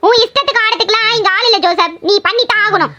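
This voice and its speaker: A woman voicing a stern, domineering middle-aged mother in an animated cartoon drama, scolding and threatening. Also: extremely high pitch, fast, dull audio. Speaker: voice actor.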